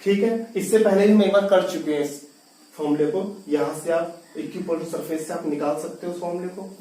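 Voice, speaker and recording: A slightly high, mellow male voice, steady in tone and a little fast, delivers a classroom-style physics lecture. He answers his own questions, repeats important terms, and blends English into his speech, while the echoey room makes him sound far from the microphone.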